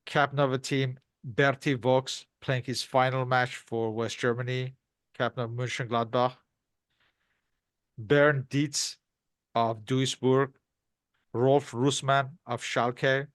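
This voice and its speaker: A man's voice: mid-range voice, little pitch movement, slow pace, fairly bright tone, dry recording. A man co-hosting a podcast interview, asking questions and reading out team lineups and statistics. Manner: reads lineups and stats in listing fashion. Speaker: podcast co-host.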